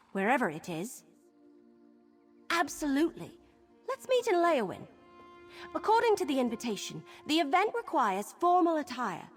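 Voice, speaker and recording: In a video game, an actress with a high voice plays a brisk, determined adventurer companion. She gives directions in a purposeful, friendly way, sounding curious and driven.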